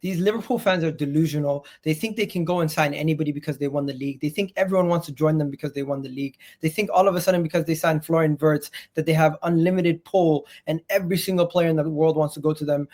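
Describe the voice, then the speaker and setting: Passionate, ranting man, fairly high-pitched. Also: quick pace, hardly any pauses, a little mellow. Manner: passionate, exasperated; blunt, sweary, repeats phrases for emphasis. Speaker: football fan pundit. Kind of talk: opinionated sports rant.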